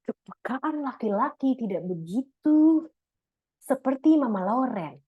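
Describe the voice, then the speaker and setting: A woman's voice: sits high, lively intonation, measured pace, breathy edge, phone-quality sound. A middle-aged woman, giving a casual talk to a church couples' group, chatty, slangy and laughing often. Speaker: speaker at a church couples' fellowship.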